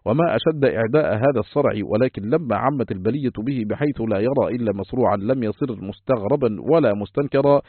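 A man reading a classical text aloud as an audiobook, in a formal, measured recitation style. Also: medium pitch, no room sound. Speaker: audiobook reader. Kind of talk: scripted narration of a classical text. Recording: tinny phone-like, dry, husky.

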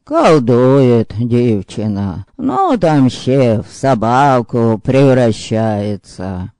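A man's voice: medium pitch, big pitch swings, very slow, mellow, pitched below the performer's own voice. A male narrator voicing a folksy older village man who drawls and mixes in Ukrainian words. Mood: wry.

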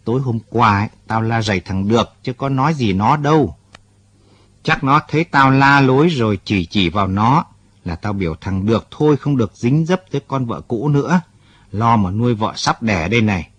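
A man's voice: mid-range voice, lively intonation, moderate pace, fairly bright tone, breathy edge, no echo. A man voicing an older rural man who is blunt but kind-hearted. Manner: scolding yet fatherly, talks bluntly.

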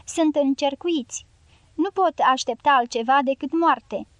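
A woman's voice: high voice, no room sound, close to an everyday voice. A woman reading the part of an impatient male commanding officer asking curt questions in an audiobook.

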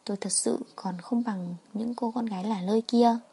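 Woman narrator, soft first-person story reading, husky tone. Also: fairly high pitch, steady tone, normal speed.

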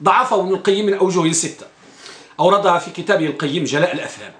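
This man lectures a classroom on a hadith text in a racing, high-pitched voice with a fairly bright tone and roomy sound. Teaching Islamic studies, he asks his students questions, supplies the answers on his own, and says key phrases again and again.

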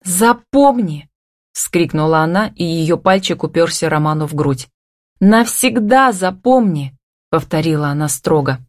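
A woman's voice: brisk, few pauses, dry recording, studio quality. A woman narrating a romance novel audiobook, acting out the dialogue expressively. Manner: expressive, lifts pitch for female dialogue. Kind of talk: audiobook narration with character voices.

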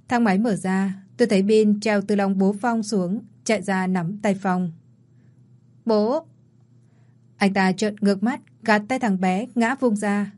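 Calm woman reading a story aloud. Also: medium pitch. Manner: calm, even first-person storytelling. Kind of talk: audiobook story narration.

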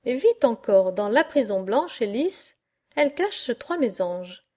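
A woman narrating a classic verse tale as an audiobook, reading in a measured and expressive way. Her voice is fairly high yet soft and mellow, and she takes a very slow, deliberate pace. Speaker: audiobook reader.

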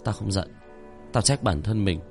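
A man voicing a guilt-ridden young village man who speaks in a quiet, subdued way. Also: fairly low pitch, normal speed, faint music behind, lightly acted.

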